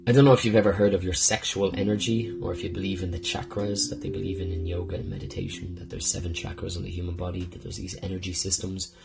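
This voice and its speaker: A man's voice: low voice, flat delivery, fast talker, gravelly. A man hosting a podcast in a rambling, heartfelt personal monologue, swearing often as he talks. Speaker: podcast host. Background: guitar music.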